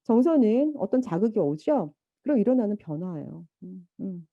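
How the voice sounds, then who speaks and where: A woman giving a lecture, lively and animated, now and then imitating baby babble and a mother's talk. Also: mid-range voice, moderate pace, no echo, phone-quality sound. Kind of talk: university lecture.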